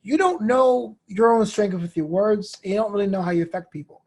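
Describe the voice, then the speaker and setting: An American-accented comedian and host in his thirties, from Brooklyn in the United States, appears as an interview guest, speaking openly and telling animated stories. His voice is high and a little fast, and he performs his inner quotes aloud.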